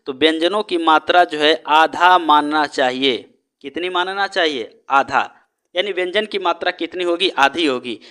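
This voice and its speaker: A man's voice: high-pitched, pushed and bright, clear, resonant tone. A man teaching an exam-prep lesson, who asks rhetorical questions and answers them himself and keeps checking in with his students. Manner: stretches out the sounds he teaches.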